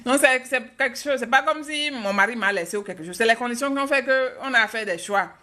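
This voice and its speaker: A woman's voice: on the high side, fairly quick, sharp tone, slight background noise. A woman from Africa, a mother, hosting a live stream and chatting frankly with viewers while answering their questions. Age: adult, mother of a child.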